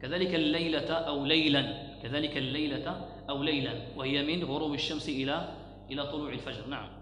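A man teaching an Arabic grammar lesson in a lecture, repeating key words, pausing often and reciting quoted verses slowly. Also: medium pitch, a bit bright. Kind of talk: classroom lecture explaining a grammar poem. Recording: echoey hall with faint hum.

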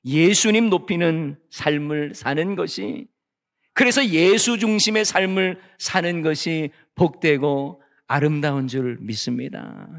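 A middle-aged man preaching a revival sermon with a notably high-pitched voice. He drops into soft, intimate storytelling, then climbs into loud, emphatic declarations. The long reverb of a church sanctuary trails after every phrase. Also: unhurried. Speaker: guest pastor.

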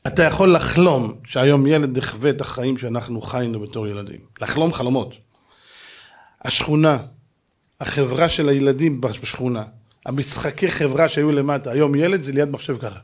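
A middle-aged man giving a lively sermon to a live audience, telling stories and acting out voices and sound effects. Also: mid-range voice. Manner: animated storytelling, acts out voices and sound effects. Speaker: rabbi.

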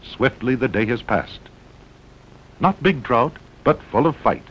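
In animated, slightly slow tones, an American man dramatically narrates a 1960s promotional documentary, delivering punchy short phrases. The audio is a muffled old film soundtrack full of rumbling noise.

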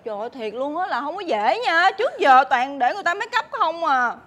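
Giggly chatty young woman, highish voice that bounces around a lot, faint rumble behind. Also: big pitch swings, fairly quick, a bit bright. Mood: amused. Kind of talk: TV sitcom acting.

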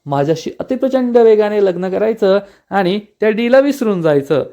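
A man's voice: high-pitched, expressive, moderate pace, dark tone, voice pushed up. A man voicing a brash, pushy young suitor from a TV serial, speaking in a boastful, bullying way.

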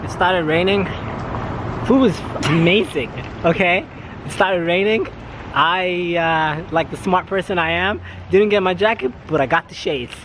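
A man's voice: high-pitched, a little slow, noisy background. A man casually hosting a travel vlog outdoors, joking and laughing as he goes. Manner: jokey, laughing, playful. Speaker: travel vlogger.

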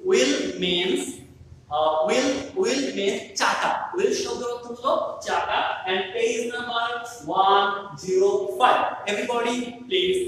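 A man's voice: high voice, fairly bright tone. A man teaching an English lesson, mixing English and Bengali and repeating each point. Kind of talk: online class lesson. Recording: echoey hall, distant mic, faint noise.

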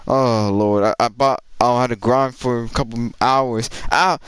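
A man giving casual gameplay commentary as a streamer, agitated and frustrated, swearing and rapidly repeating short phrases. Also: mid-range voice, fairly even intonation, clean tone, no room sound. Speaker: gamer streamer.

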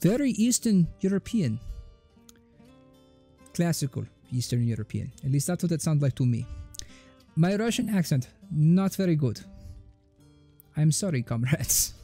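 A man's voice: a little high, big pitch swings, normal speed, long pauses, warm tone, husky. A young man giving joking, sarcastic running commentary while playing a video game. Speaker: gaming host. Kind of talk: let's play commentary. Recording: faint game music behind.

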